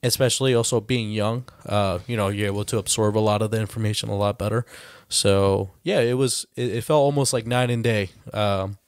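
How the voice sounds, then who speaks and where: A male podcast host who grew up speaking Spanish, talking in a relaxed, easygoing way and slipping in the odd Spanish phrase. His voice sits on the lower side. The sound is dry and close to the mic. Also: brisk, smooth, dry recording. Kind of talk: casual podcast chat.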